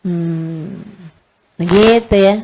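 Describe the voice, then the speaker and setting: A woman Islamic preacher tells stories in her sermon with emotion and casual humor, calling her listeners friends and chatting with them. Her fairly low voice draws out words, and it softens to a hush when she quotes words of comfort.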